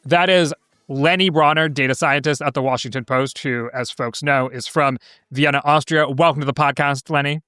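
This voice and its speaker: A man's voice: medium pitch, steady tone, moderate pace, sharp tone, clean tone, dry recording, clean studio sound. An American man in his thirties hosting a podcast with casual, conversational political commentary. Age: 30s. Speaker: podcast host.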